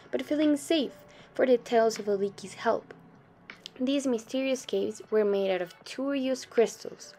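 A young adult woman reading a short story aloud in a steady storytelling manner, softening her voice for quoted lines. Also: on the high side. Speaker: student reader.

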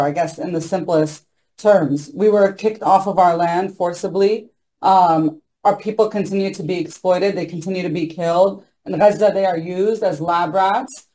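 A young woman speaks on a video call as a panelist from a small room, earnest and insistent in an impassioned panel talk, with many ums and you-knows. Her voice is fairly low-pitched with a dark tone, and the audio is poor, coming through a laptop mic.

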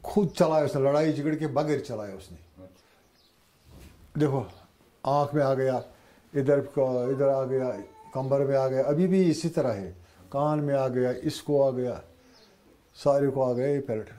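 Older Kashmiri man with a mellow voice. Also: medium pitch. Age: 70s. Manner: halting, repetitive, plain-spoken. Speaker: shopkeeper telling of his injury. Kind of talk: news interview testimony.

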